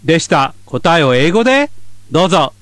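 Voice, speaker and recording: Male radio teacher, clear explanatory delivery, high animated voice, dry booth sound. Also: normal speed, no room sound. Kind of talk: scripted lesson narration.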